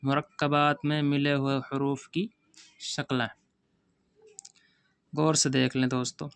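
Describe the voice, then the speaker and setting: A woman's voice: rumbling low, little pitch movement, slow pace, smooth. A woman teaching Quran reading who drags out each letter name and explains patiently, often calling her viewers friends. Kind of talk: slow letter-by-letter recitation lesson.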